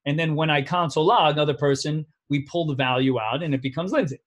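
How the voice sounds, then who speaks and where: A man's voice: on the high side, fast talker. Chatty New man teaching code. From New York. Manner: casual, chatty, frequent "right?" checks. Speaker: coding instructor. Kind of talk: live online coding class.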